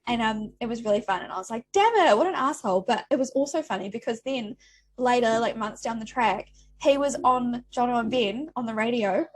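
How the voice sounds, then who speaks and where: Candid sweary woman podcast host, a bit high. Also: brisk. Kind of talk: casual chat.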